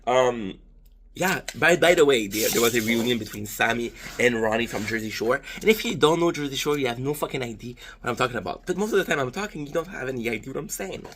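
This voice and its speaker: Talking fast with lively intonation, this thirtysomething French Canadian vlogger from Canada chats loosely while tasting food. His mid-range voice is a bit bright, there's slight background noise, and he mixes in profanity and jokes at his own expense.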